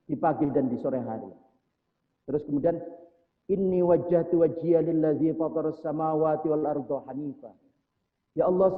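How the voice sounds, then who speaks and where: Preacher, man, mosque sermon; chants prayer lines then explains them; thin phone-like sound. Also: a little high. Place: mosque hall. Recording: echoey mosque hall over tinny phone-like sound.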